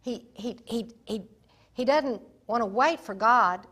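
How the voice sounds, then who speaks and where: A woman teaching the Bible in sermon style, retelling its stories emphatically and dramatically, sometimes dropping to a hushed voice. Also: on the high side, unhurried. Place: Africa.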